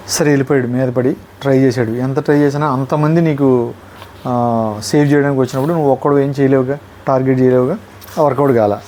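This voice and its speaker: A man's voice: mid-range voice, slight background noise. Telugu-accented man reviewing a show. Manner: animated retelling, mimicking contestants' lines. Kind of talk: casual episode review.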